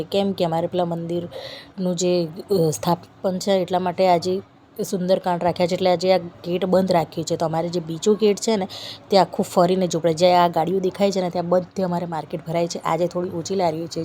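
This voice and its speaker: A woman's voice: fairly low pitch, mellow. A woman in her thirties chatting casually to camera for her family vlog, telling homely stories as she goes about her day. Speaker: family vlogger. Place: at home, then outdoors by a busy street market. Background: rain, traffic and market noise.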